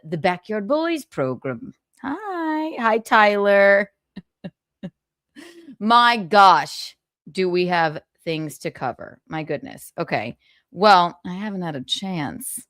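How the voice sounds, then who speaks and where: A woman hosts a casual livestream with a mid-pitched voice. Her delivery is sassy and theatrical, with a giggly edge as she gossips. The sound is dry, with little room around it. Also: fairly bright tone, no echo. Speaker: live stream host.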